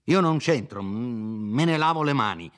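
A pompous, scheming old country lawyer, as a man reads him aloud speaks in a smooth, condescending, knowing tone. The voice sits a little low. It belongs to a storybook reading of a classic novel. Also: expressive, unhurried. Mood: indignant, shooing.

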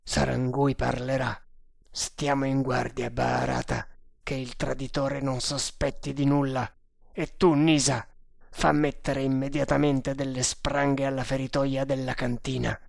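Man reading a grim, gravelly army captain. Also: mid-range voice, little pitch movement, unhurried, no room sound, clean studio sound. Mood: commanding. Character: grim brooding male army captain, commanding.

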